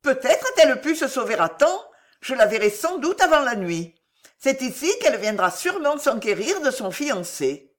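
Casting: woman voicing a passionate young woman, high and emotional, with a lively, swooping voice, for a storybook. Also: normal speed. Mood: earnest. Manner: emotional, pleading. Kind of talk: audiobook character reading.

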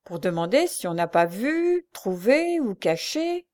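A woman's voice: mid-range voice, big pitch swings, a little mellow. A woman reading aloud and voicing a sly male police agent who teases and drags things out. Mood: teasing. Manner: teasing, unhurried, mocking.

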